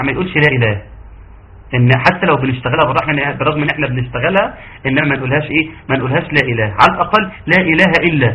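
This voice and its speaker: A man's voice: a little high, pushed and bright. Egyptian man teaching Quran recitation, lo-fi. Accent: Egyptian Arabic. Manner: explains rules, then models recitation slowly and drawn out; quizzes listeners with rhetorical questions. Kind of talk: tajweed lesson correcting students. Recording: dull lo-fi audio, faint background noise.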